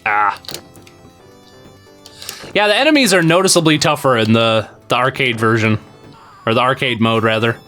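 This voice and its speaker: Over soft background music, a man plays a retro game and talks to his chat in a rambling, casual way, using fillers and sometimes swearing. His mid-range voice is animated and sharp, moving at a moderate pace with frequent pauses.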